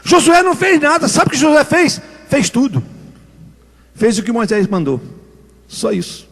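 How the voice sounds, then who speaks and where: A pastor preaching a sermon in an emphatic, repetitive, storytelling way, recorded in a church. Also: male voice, very high-pitched, normal speed, vocal fry, a bit bright, breathy edge. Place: church sanctuary. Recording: long hall reverb in church.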